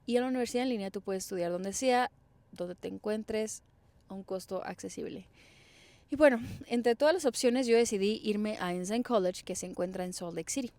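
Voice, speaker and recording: A woman's voice: mid-range voice, moderate pace, darkish tone, dry recording. A young woman from Mexico with a Mexican Spanish accent, telling her own story in a chatty, explanatory vlog with casual fillers. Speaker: vlogger.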